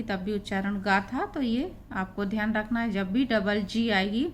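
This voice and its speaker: A woman's voice: mid-range voice, a little hiss or hum. A woman with a Hindi accent teaching English pronunciation rules, spelling out letters and patiently repeating example words. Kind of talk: blackboard lesson explaining spelling rules.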